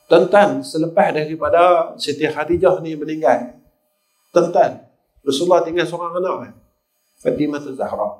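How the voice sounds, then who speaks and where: The older Kedah Malay-accented preacher's voice is on the high side and darkish, moving at a normal speed. In his storytelling sermon he repeatedly addresses the congregation directly as sirs.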